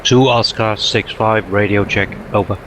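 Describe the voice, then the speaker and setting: A man's voice: fairly low pitch, fairly even intonation, a little slow, noisy background. A man making terse, formal radio check calls over a game radio channel that sounds like a walkie-talkie. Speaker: player calling a radio check. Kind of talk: clipped radio procedure calls.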